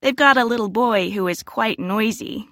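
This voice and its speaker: An actress playing a young woman in her twenties who is signing up for a club, speaking clearly in a scripted listening dialogue. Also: on the high side, moderate pace, a bit bright, no echo, studio quality. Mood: friendly. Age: 20s. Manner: clear, careful, spells out words. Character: young woman applicant, friendly and polite. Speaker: applicant joining a social club. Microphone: close studio mic.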